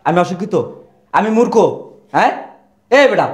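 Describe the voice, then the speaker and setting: Guy playing an angry husband yelling at his wife's family, high pitched, echoey room. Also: expressive, moderate pace. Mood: angry scolding. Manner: shouting, scolding, rough colloquial speech. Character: hot-tempered husband, a man defending his old father. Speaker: angry son defending his father.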